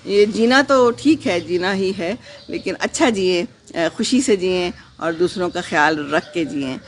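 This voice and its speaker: Gentle, prayerful woman live-streaming in a garden. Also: on the low side, a little hiss or hum. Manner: gentle, reflective, unhurried with pauses and fillers; mixes English phrases into her talk. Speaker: vlogger hosting a live stream. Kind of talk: casual live-stream chat, reading viewer comments.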